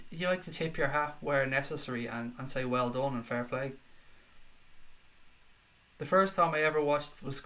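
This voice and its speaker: Dublin Irish male stream host, mid-pitched, slight head cold, chatty and matey, reads out fan messages. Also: a bit bright. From Dublin, Ireland. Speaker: live stream host reading viewer comments. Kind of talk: casual live-stream chat.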